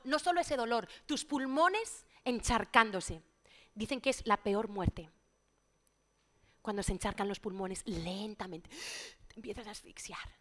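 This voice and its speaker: Middle-aged woman preaching in church, kinda high voice, gets loud then drops to almost a whisper. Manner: impassioned, swings from loud exclamations to hushed near-whispers. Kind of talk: sermon.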